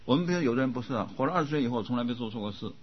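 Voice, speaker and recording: An older man giving a Buddhist dharma talk as teacher, often coughing and clearing his throat, repeating words as he goes. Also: mid-range voice, animated, very fast, background noise. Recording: dull lo-fi recording.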